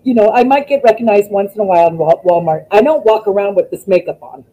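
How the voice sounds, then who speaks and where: A woman, a former wrestler, chatting as a guest over a video call, telling stories in an animated way and acting out what people said. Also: medium pitch, quick pace, lo-fi sound. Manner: animated storytelling, acts out quotes. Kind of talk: casual interview chat.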